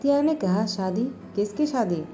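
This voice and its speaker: A woman tells a fan story in a mellow, warm voice, giving every character her own plain delivery. A faint noise sits behind her. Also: medium pitch, animated, moderate pace. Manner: narrates and voices every character herself with little change. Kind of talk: scripted narration of a fan story.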